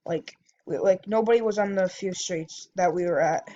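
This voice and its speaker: A woman's voice: fairly low pitch, normal speed, mellow, muffled recording, slight background noise. A woman vlogger telling a story in a casual, rambling way, full of fillers and self-corrections.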